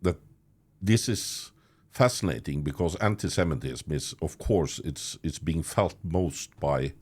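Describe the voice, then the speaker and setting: A man with a very deep, slightly mellow and husky voice hosts a conversational podcast interview in English. He's from Norway with Norwegian as his first language, and he halts frequently, restarts a lot, and chuckles mid-sentence.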